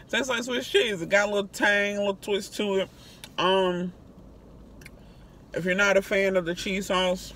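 A woman's voice: lowish voice, fairly bright tone, a little hiss or hum. A woman hosting a casual food review vlog, talking to her viewers in a chatty, conversational way. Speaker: food reviewer and channel host.

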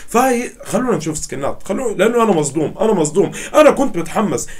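Young male gamer, high voice, rapid-fire excited commentary, loud mock outrage. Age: 20s. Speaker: gaming YouTuber.

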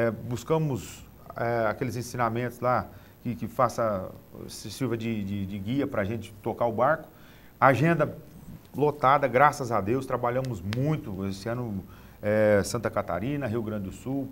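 A man's voice: mid-range voice, a little hiss or hum. A middle-aged Brazilian man speaking casually as an interview guest, often repeating small words as he looks for the next phrase. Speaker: rodeo announcer being interviewed. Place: TV studio, standing.

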